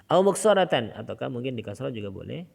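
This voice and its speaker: A man teaching an Arabic grammar lesson. He reads example sentences slowly and carefully, then explains them in quick, offhand asides. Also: medium pitch, very animated, vocal fry, darkish tone, in a large hall. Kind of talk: recorded classroom lesson.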